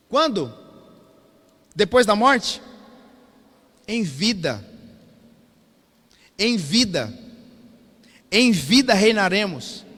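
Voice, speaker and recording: A man's voice: high-pitched, sharp tone, long reverb tail. A Brazilian man preaching a sermon as pastor, calling out to the congregation and asking "Amém?" again and again. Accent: Brazilian Portuguese. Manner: call-and-response preaching, repeated "Amém?". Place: church hall.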